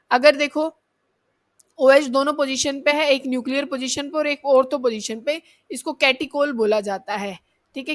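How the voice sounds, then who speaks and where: A woman with a high voice and a fairly bright tone teaches an exam-prep chemistry lesson step by step. She keeps posing questions to her students and answering them herself, calling them kids and checking in with "theek hai".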